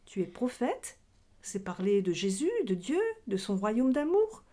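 A woman's voice: mid-range voice, very animated, a little slow, warm tone. A woman teaching a children's religion lesson, explaining things simply as if speaking to young listeners. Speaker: catechism teacher. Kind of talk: children's religion lesson in question-and-answer dialogue.

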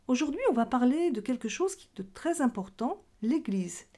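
In a high-pitched, mellow, expressive voice at a moderate pace, a woman teaches a children's religion lesson. She is a catechism teacher, using questions and answers and plain explanations meant for young ears.

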